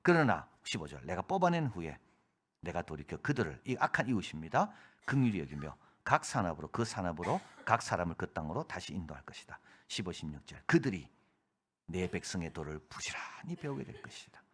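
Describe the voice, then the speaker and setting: A middle-aged male pastor preaching a sermon with a lively, swooping voice. His pitch rises and falls widely from one phrase to the next. He acts out quoted voices and sometimes drops to a hushed whisper to stress a point. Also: a little fast, husky.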